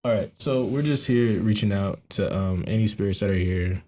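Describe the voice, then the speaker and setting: A man's voice: lowish voice, normal speed, a little hiss or hum. A man co-hosting a podcast, chatting casually while leading questions on a ghost hunt inside a house. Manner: relaxed, chatty, leads the questions. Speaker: podcast co-host.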